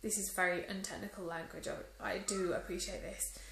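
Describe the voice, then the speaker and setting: A woman's voice: medium pitch, steady tone, normal speed, creaky, a bit bright, reverberant, low-quality recording. A woman giving a casual phone review vlog, talking into a phone she holds at arm's length, chatty and full of ums. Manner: chatty, many ums, mildly disappointed. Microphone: phone held at arm's length.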